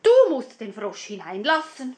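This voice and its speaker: A stern fairy-tale king, read by a woman in her own voice, laying down the rules in a firm, fatherly way. His lines stay high and lively, the way a storyteller reads them. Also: a little slow, heavily acted. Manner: firm, admonishing.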